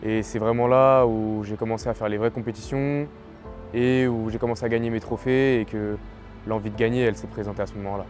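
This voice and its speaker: A young man of twenty, from French Guiana, speaks in a low, relaxed voice, with plain wording and easy fillers. Faint music sits under the interview. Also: a little fast. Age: 20s. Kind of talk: casual interview.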